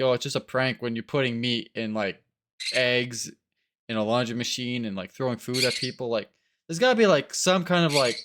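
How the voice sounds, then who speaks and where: A young man at an ordinary middle pitch chats casually as co-host. He gets animated and fills his talk with "like" while cracking crude jokes. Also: background noise. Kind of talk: casual chat.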